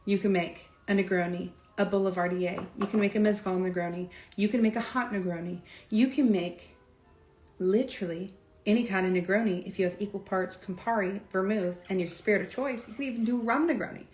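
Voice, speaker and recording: A woman's voice: medium pitch, brisk, a little mellow. A woman hosting a casual live cocktail demonstration, chatting straight to her viewers with lots of asides. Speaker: cocktail demo host. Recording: echoey room with faint clatter.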